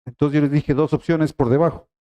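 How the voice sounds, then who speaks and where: A man's voice: on the high side, steady tone, brisk, warm tone, muffled recording. A middle-aged man preaching a sermon, emphatic and repeating key phrases as he speaks straight to the congregation. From Ecuador.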